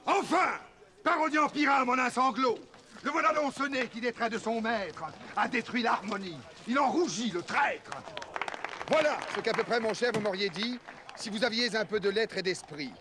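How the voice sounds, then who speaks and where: A man's voice: very high-pitched, moderate pace, background noise. A male actor playing a proud, witty, swaggering swordsman-poet in a verse drama, declaiming flamboyantly and savoring each word. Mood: scornful, mocking. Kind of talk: theatrical French verse drama acting. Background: music.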